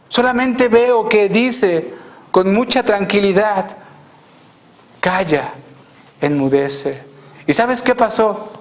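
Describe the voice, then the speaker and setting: Male pastor, sermon; high pitch, slow and deliberate, earnest with rhetorical questions and soft hushed stresses. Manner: drops to a soft hush on key phrases.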